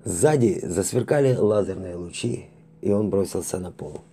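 A man narrating a science fiction audiobook in a lively storytelling manner, acting out the characters. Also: low-pitched, normal speed, husky.

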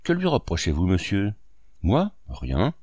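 A man reading the part of a skeptical middle-aged gentleman, mildly mocking. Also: low voice, wildly swooping pitch, unhurried, husky, no room sound, dull audio, heavily acted.

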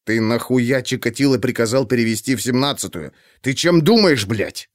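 A furious middle-aged police chief, voiced by a male narrator, hisses curses in a low, pressed voice. His pitch swings widely as he berates a subordinate. The recording is dry and close. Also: expressive, normal speed, no room sound, natural voice. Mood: angry hissing. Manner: hissing, swearing.

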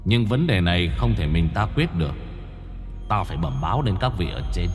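A man voicing a fearsome male demon jail lord of the underworld, speaking low, hushed and clipped. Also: big pitch swings, fairly quick, big-room sound, faint music behind. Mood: grave.

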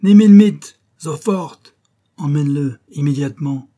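A man's voice: a little high, animated, moderate pace, dark tone, breathy edge, voice pushed up. A man voicing a cold, arrogant young male SS officer who barks orders with icy contempt in an audiobook reading. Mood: barking.

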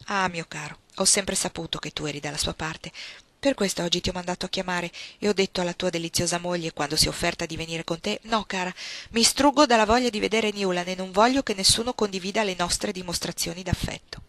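A woman's voice: on the low side, fast, fairly bright tone, dry recording. Woman reading a sly, imperious old grandmother. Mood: confiding. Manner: insistent, sly and coaxing.

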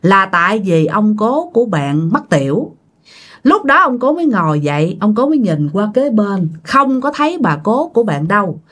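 A woman's voice: medium pitch, very animated, moderate pace, fairly bright tone. A woman telling a ghost story in a casual, chatty way, talking straight to her listeners. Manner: chatty, addresses listeners directly.

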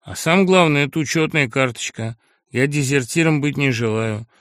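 A man's voice: medium pitch, moderate pace, fairly bright tone, no echo, studio quality, close to an everyday voice. A male audiobook reader voicing a crude, brash young man newly made from a dog, mocking, aggrieved and insistent. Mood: smug. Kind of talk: audiobook character reading.

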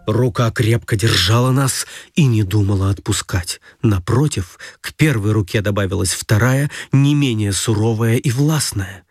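A man reading an adventure story aloud in a lively storytelling manner. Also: lowish voice, normal speed, few pauses, dry recording, clean studio sound, faint music behind. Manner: lively storytelling, voicing every figure. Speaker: narrator.

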